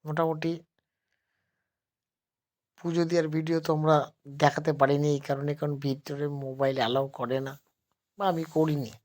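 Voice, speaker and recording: Male vlogger, sore throat, soft and unhurried, flat even delivery, phone-recorded. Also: fairly high pitch. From West Bengal, India. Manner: speaks slowly and softly, addressing viewers as friends. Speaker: travel vlogger. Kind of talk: casual vlog narration. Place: temple grounds. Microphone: phone held while filming.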